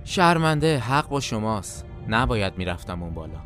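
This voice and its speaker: An actor playing a calm, humble male division commander with a mild, conciliatory way of talking, in a radio drama. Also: on the low side. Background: music.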